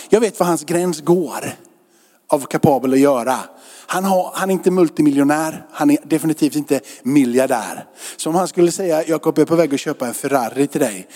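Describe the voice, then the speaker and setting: A man's voice: a little high, dark tone, long reverb tail. A man preaching a sermon in a conversational way, often asking his listeners whether they follow him. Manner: conversational preaching with rhetorical questions. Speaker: pastor. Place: church.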